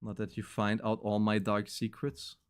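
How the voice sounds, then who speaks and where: A man's voice: on the low side, completely flat delivery, normal speed. A young man signing off his stream with loose, rambling casual talk, full of fillers.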